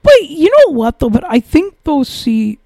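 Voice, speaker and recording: A woman's voice: high-pitched, wildly swooping pitch, a little slow, mellow, no room sound, studio quality. A woman co-hosting a book panel in a casual group chat, playful, laughing often and repeating herself.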